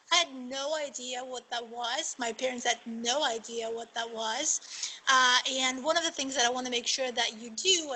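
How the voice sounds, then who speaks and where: Woman, native Spanish speaker, magistrate judge on a student panel; slightly high, bright, earnest, faint noise. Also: husky, low-quality recording. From Argentina. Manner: earnest, encouraging, with frequent "um" and "uh".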